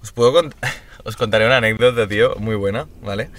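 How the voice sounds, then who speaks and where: A man's voice: fairly low pitch, brisk, a bit bright, a little hiss or hum. A young man with a Castilian Spanish accent chatting casually and telling stories to friends in slangy, sweary talk. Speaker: podcast co-host. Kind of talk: casual chat and storytelling among friends.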